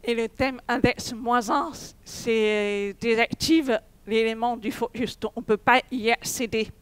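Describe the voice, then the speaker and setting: A woman's voice: on the high side, fairly even intonation, a little slow, clear, resonant tone, no echo. A young woman giving a technical conference talk, hesitant, with many fillers and restarts. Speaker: conference speaker. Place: conference hall.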